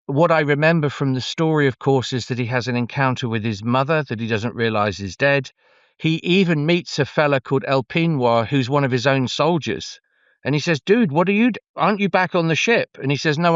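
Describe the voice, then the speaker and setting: A man's voice: medium pitch, clean tone, no room sound, highs cut off. A man talking conversationally as an oral storyteller, stretching words for emphasis and shifting gear as he goes. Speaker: oral storyteller, interview guest.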